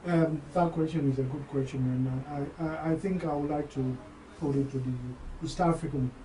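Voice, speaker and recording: A man DJ with a slightly high, mellow voice, talking in a loose interview with frequent restarts and repeated words. He sits back from the mic in an echoey room with faint ambient noise behind him. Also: fairly even intonation, normal speed. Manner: hesitant, repeats words while thinking. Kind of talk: casual interview. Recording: roomy sound, voice far from the mic, faint background ambience.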